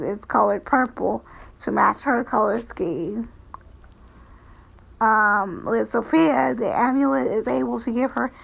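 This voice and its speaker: A woman giving casual, rambling commentary as a streamer, in a halting, hesitant way with phrases that trail off. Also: fairly high pitch, gravelly, low-quality recording. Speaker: VTuber streamer.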